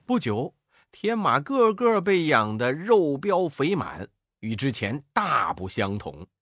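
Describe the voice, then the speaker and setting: A man narrating a classic children's story in an expressive, sing-song way. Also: fairly high pitch, slow pace, no echo, studio quality.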